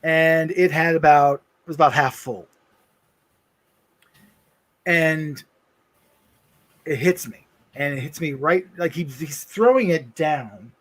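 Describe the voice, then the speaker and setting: A man co-hosting a livestream, telling a personal story in an earnest, halting way with many restarts. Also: on the high side, fairly bright tone. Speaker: livestream co-host.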